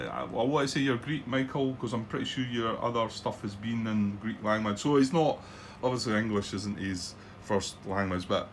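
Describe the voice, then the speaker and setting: This middle-aged Scot has a lowish voice with a fairly bright tone, and a little hiss or hum sits underneath. He's the host of a board wargame channel, casually commenting on a solo game from his home desk in a rambling way, with many ums and restarts.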